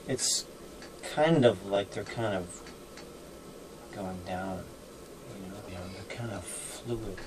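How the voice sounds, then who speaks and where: A man working as a remote viewer, describing his impressions in a halting way and searching for words with many fillers. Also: on the low side, a little hiss or hum, poor audio.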